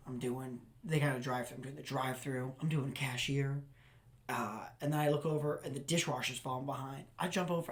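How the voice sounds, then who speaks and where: A man's voice: mid-range voice, a bit bright. A man hosting a casual chat, rambling and restarting his sentences. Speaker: host.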